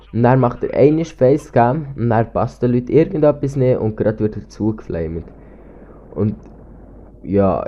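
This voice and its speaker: The speaker is a teenage boy from Switzerland with a Swiss German accent, a gaming YouTuber with a slight cold who rambles over his play. Hesitant and full of ums and restarts, he has a warm, mid-range voice. It comes through his cheap gaming headset as a muffled recording.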